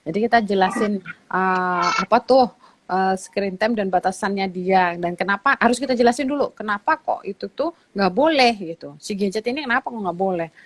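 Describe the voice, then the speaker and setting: A woman's voice: medium pitch, normal speed. A woman doctor, a guest on an online talk show, explaining patiently in a conversational way with frequent fillers.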